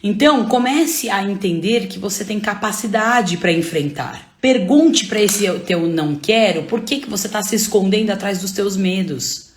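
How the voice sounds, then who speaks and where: A woman's voice: medium pitch, moderate pace. Emphatic Brazilian woman, roomy echo. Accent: Brazilian Portuguese. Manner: emphatic, repetitive rhetorical questions. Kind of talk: faith-based motivational talk.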